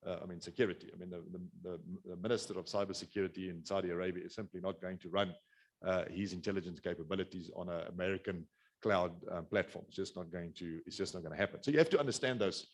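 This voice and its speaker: A man's voice: deep voice, quick pace. A middle-aged man with a South African accent, giving a webinar business talk in a rambling way, full of restarts and fillers. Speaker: business speaker. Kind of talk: webinar presentation.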